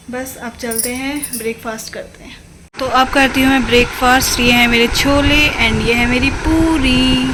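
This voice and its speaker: A woman's voice: fairly high pitch, a bit bright, echoey room, slight background noise, low-quality recording. Chatty young woman vlogging at home. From Uttarakhand, India. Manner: chatty, addresses viewers as guys. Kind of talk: casual vlog narration.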